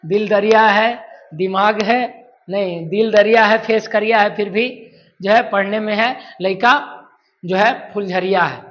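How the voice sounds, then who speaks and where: A man's voice: sits high, steady tone, unhurried. A man teaching grammar, drilling sounds aloud and answering his own questions. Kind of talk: classroom-style lesson. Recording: dull lo-fi sound.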